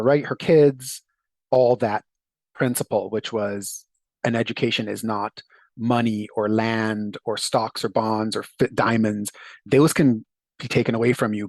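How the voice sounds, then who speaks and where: A middle-aged Jamaican man with a medium-pitched voice tells his story as an interview guest, with no room sound in the recording. He is thoughtful and warm, laughs easily, and sometimes restarts his sentences.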